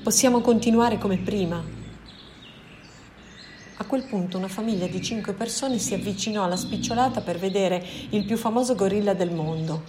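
A woman narrating a novel aloud as an audiobook reading, in a calm, measured way. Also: medium pitch, noisy background. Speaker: reader.

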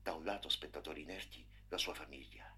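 A man reading a story aloud in an expressive, dramatic way, sometimes dropping to a hush. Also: very deep voice, fast talker, husky. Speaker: narrator. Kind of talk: storybook narration.

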